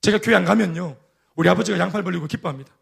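A male pastor with a Gyeongsang accent preaches in an animated storytelling style. His voice is gravelly and sits high for a man. He acts out the lines of the people in his stories. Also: very fast. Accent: Gyeongsang dialect. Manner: animated storytelling with acted-out quotes. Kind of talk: sermon.

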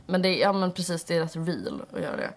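A young woman in casual chat, telling stories with animated acted-out quotes. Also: on the low side. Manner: animated storytelling, acts out quoted voices.

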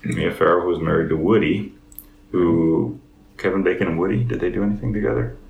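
Male podcast co-host, deep and gravelly, runs the game; roomy recording. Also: steady tone, a little fast, muffled recording. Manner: leads the game, looks things up. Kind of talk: casual chat. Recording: echoey room with faint hiss.

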